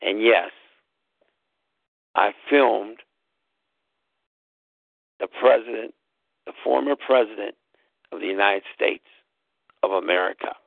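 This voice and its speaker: Slow and deliberate with long pauses, this talk-show host has a lowish voice with vocal fry and speaks loudly. In a casual storytelling monologue he hammers points by spelling words and repeating them; the sound is dry and tinny, phone-like, with no room sound.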